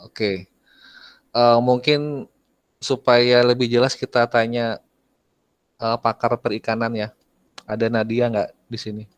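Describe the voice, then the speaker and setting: A man teaching an online class, talking casually, asking his students questions and often clearing his throat. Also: mid-range voice, little pitch movement, takes it slowly, pauses often, dry recording.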